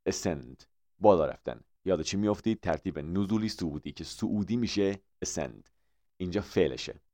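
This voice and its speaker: A man with a very low voice and a Persian accent leads an online vocabulary lesson. He runs through his explanations in quick bursts. Then he slows down to say each English example carefully. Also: expressive, mellow.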